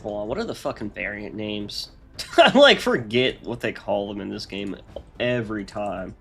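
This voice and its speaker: A man's voice: fairly low pitch, lively intonation, normal speed, creaky, fairly bright tone. A man with a congested, nasal voice, chatting casually on a live stream as he rambles through his modding work aloud.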